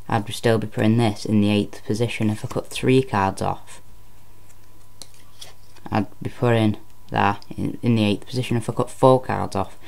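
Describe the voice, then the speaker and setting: A man's voice: fairly low pitch, gravelly, darkish tone. A man giving informal card magician patter, explaining step by step and repeating phrases as he goes. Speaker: card trick presenter.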